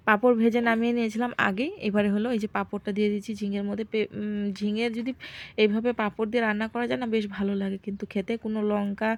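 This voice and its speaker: A young woman from Assam chatting to her viewers in a casual home vlog, explaining as she gardens and cooks. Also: mid-range voice. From Assam, India. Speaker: vlogger and homemaker.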